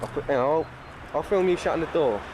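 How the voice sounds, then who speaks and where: A man's voice: fairly high pitch, animated, fast, background noise. A man, joking around and chatting casually while filming home video on a town street, picked up by a camcorder's built-in mic on an old VHS tape. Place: outdoors on a town street with parked cars.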